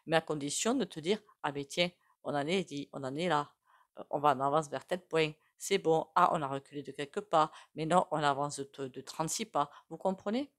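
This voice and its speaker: A woman with a low voice and a regional French accent reads tarot cards in a relaxed, spoken way. She muses aloud and drifts from thought to thought as if chatting with her viewers. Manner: musing aloud, loose and conversational. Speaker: tarot reader and psychic. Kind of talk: casual spoken tarot reading.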